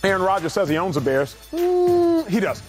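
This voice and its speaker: A man with a notably high voice hosts a sports debate show, rattling off short, emphatic calls one after another. His delivery is energetic and punchy, with faint music under the talk. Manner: rapid-fire, punchy declarations.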